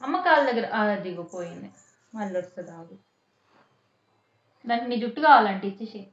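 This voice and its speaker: A woman's voice: mid-range voice, lively intonation, fairly quick. A mother, coaxing and teasing her toddler in sing-song questions. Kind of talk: playful chat with a small child. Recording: muffled echoey home room.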